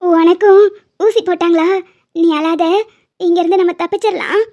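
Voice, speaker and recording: A woman plays a terrified young woman patient in a cartoon drama, pleading in a very high, childlike voice. The tone is soft and mellow, and the recording sounds dull and lo-fi. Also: steady tone, normal speed. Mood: scared childlike. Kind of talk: cartoon voice acting.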